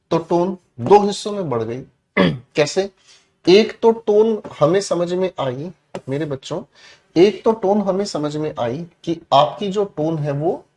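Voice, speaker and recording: A man with a fairly high voice teaches a classroom lesson, explaining through loud, shouted example commands and calling the students "beta".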